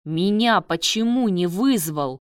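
Woman voicing a shouting, scolding male surgeon, low, slow and dry. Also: no echo, far from the mic, close to an everyday voice. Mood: furious. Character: angry male surgeon, head of hospital.

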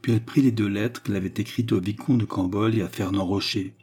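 A man narrating a classic novel as an audiobook in a steady, measured way. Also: fairly low pitch, slightly rough.

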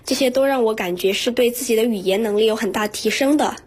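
A woman's voice: fairly high pitch, fast talker, darkish tone, husky. A teenage schoolgirl answering interview questions earnestly in a radio studio, with frequent fillers. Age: teens. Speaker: student guest.

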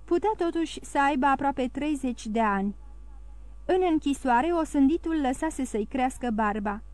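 High-voiced woman narrating an audiobook. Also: no echo. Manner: steady, even storytelling. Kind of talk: scripted narration.

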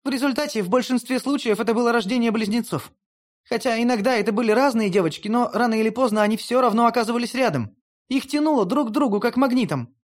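A reader voicing a proud, haughty female goddess of death in an audiobook, speaking high and pleading. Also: fast, close to an everyday voice. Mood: insistent. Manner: lofty, pleading, high-pitched.

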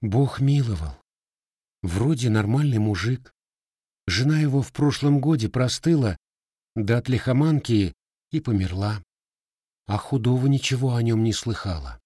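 A man's voice: medium pitch, animated, unhurried, pauses often, warm tone, husky, dry recording, studio quality, voice pushed up. A man voicing a sly, teasing young Cossack widow in a storybook reading, raising his voice for her. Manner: slightly raised, teasing folk speech.

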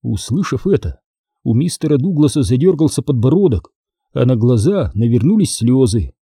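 Give me a male narrator reading a story, steady, with a husky, lively voice. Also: mid-range voice, normal speed, no room sound, studio quality.

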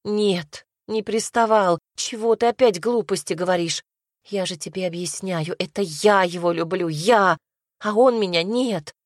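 A woman's voice: mid-range voice, measured pace, no echo, close to an everyday voice. A woman voicing a distraught young woman who sobs and pleads, in a dry, close reading. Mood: tearful. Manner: sobbing, pleading, snapping.

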